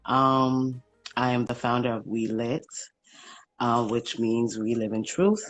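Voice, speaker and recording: New york guy guesting on a phone livestream, halting, lots of um and like, mid pitch. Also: a bit bright, soft background music, low-quality recording. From Brooklyn, New York. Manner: halting, many ums and likes. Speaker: guest, small business founder. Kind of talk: casual livestream interview.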